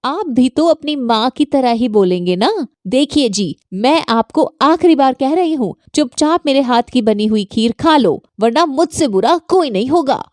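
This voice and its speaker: A woman voicing a bossy, sharp-tongued young daughter-in-law who scolds defiantly in a high voice. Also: expressive, unhurried, few pauses, no echo, studio quality. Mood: scolding.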